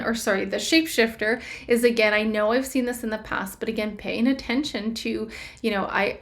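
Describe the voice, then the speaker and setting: A woman talks her way through a crystal ball and tarot reading, musing aloud and circling back to fix her words. Her pitch sits in an ordinary middle range. Her delivery stays casual and searching. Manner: rambling, self-correcting, intuitive musing. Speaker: tarot reader. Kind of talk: casual spiritual prediction reading.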